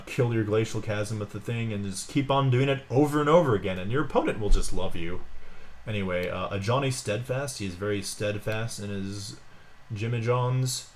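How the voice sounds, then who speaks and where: A man giving casual, excitable commentary while opening card packs, with jokey asides. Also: fairly low pitch, slight background noise. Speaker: pack-opening streamer.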